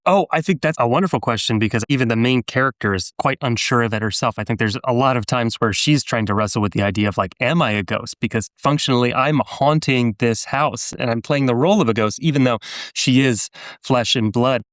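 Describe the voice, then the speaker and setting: A man's voice: mid-range voice, brisk, a bit bright, no room sound, studio quality. A man from New Orleans, a novelist guest on a podcast, talking in a rambling, thoughtful way with many fillers. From New Orleans, United States. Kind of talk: podcast interview.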